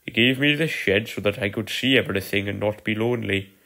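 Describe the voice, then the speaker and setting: A proud, lonely old narrow-gauge engine from a storybook, read aloud by a man. He talks earnestly and at length, fond of his old railway and a touch self-important. The voice sits only slightly above the narrator's usual low register. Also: a little fast, vocal fry, bright, forceful tone. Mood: wistful. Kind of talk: storybook character voice.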